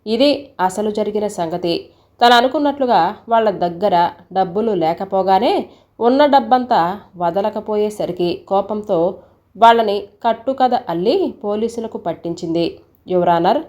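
A woman's voice: mid-range voice, a little slow, darkish tone. A woman reading a courtroom short story aloud, speaking the characters' lines in her own voice. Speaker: story narrator.

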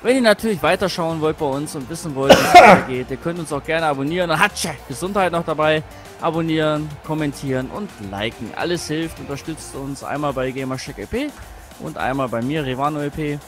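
A man commentating a wrestling video game with a friend, excitable, shouting and groaning at the action and teasing his opponent. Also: a little high, fairly quick, soft background music. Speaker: let's play co-host.

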